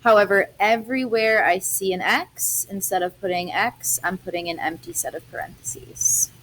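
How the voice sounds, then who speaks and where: A woman's voice: mid-range voice, normal speed, a bit bright, slight background noise. A young adult woman, a math teacher, explaining algebra step by step in a chatty recorded lesson.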